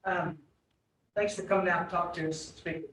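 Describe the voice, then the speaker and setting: A man in an audience putting questions to a speaker in a halting, polite, unscripted way. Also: little pitch movement, fairly bright tone. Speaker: audience member asking questions. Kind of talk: spontaneous public question. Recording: roomy, distant mic, faint rumbling noise.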